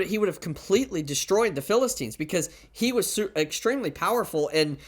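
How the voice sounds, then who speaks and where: A man's voice: sits high, fairly bright tone. A man preaching a sermon into a pulpit microphone, in a plain conversational way, often asking rhetorical questions and stacking up repeated warnings.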